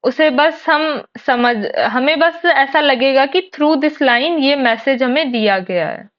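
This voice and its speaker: High-voiced woman teaching slowly. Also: lively intonation, muffled recording. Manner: explains step by step, asks and answers her own questions, reads English lines slowly. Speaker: English teacher. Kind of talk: exam-prep lesson.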